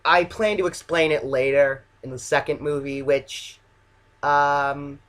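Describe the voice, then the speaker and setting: A man's voice: fairly high pitch, fairly even intonation, unhurried, a bit bright. A man giving casual, unscripted director's commentary as an amateur filmmaker, hesitant and self-deprecating.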